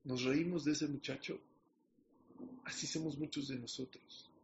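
Gravelly preacher. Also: male voice, fairly high pitch, steady tone, unhurried, dull audio, slight background noise. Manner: storytelling with questions to the audience. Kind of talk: sermon.

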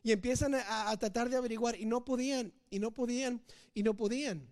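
A man's voice: very high voice, fairly even intonation, a little fast, a little mellow. A man teaching from the Bible, telling the story casually and asking rhetorical questions. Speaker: preacher.

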